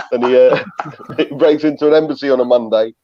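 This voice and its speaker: A man's voice: mid-range voice, steady tone, normal speed, lo-fi sound, slight background noise. A man from Britain co-hosting a casual call-in chat, laughing often as he talks. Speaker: podcast co-host.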